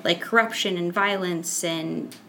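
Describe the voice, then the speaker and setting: A woman hosting a podcast interview, asking gentle follow-up questions. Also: on the low side, measured pace, vocal fry, slight background noise. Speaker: podcast host. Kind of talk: conversational interview.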